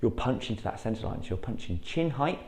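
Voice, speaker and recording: Mellow-voiced man teaching karate, echoey room. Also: medium pitch, animated, fast. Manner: patient step-by-step explaining, then loud rising counts. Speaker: karate instructor. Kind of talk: martial arts class instruction.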